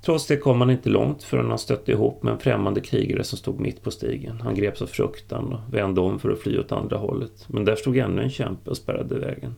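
Casting: male audiobook narrator, steady scripted narration, low and very gravelly. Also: few pauses.

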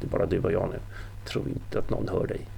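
A man voicing a brutal, angry Norse chieftain who shouts and mutters threats in an audiobook. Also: lowish voice, vocal fry, slight background noise. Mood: menacing. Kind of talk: audiobook character voice.

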